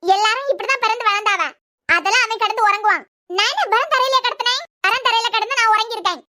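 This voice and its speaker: Cartoon young wife voiced by a woman, high bright voice, quick and defiant, Kanyakumari accent. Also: no echo, studio quality. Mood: sullen. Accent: Kanyakumari Tamil. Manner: low, muttering and defiant. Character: sullen young wife and mother, stubborn. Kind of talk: cartoon serial voice acting.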